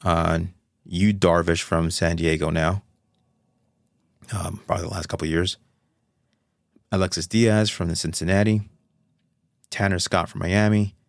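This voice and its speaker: Male podcast host, very low gravelly voice, loose rambling delivery, dry close sound. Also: no echo. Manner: rambling, self-correcting, chatty. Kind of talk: casual solo podcast talk.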